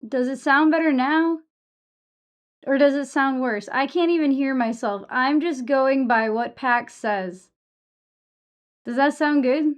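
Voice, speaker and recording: A woman's voice: sits high, measured pace. A woman chatting casually on a livestream in a sweary, self-deprecating way, with harsh, sibilant S sounds. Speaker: streamer. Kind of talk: casual livestream chat with viewers. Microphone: streaming microphone with EQ and compressor. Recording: muffled, dull microphone sound.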